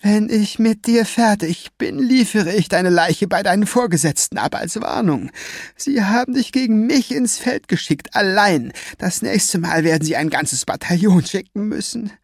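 A man reading aloud and voicing a boastful, vicious young male killer in a shrill, hissing voice. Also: expressive, normal speed, creaky, breathy edge, dry recording, clean studio sound, heavily acted. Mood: enraged.

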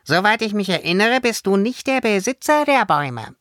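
A man's voice: high voice, very animated, normal speed, fairly bright tone, dry recording, clean studio sound, voice pushed up. Man voicing a scolding little fairy. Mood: stern. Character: cheerful little fairy girl, turning stern.

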